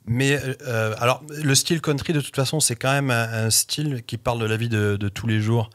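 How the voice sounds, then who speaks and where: Appearing as a guest in a relaxed interview, this middle-aged English-raised singer-songwriter, a native English speaker, talks with many fillers and false starts. His medium-pitched voice moves at a moderate pace with fairly even intonation.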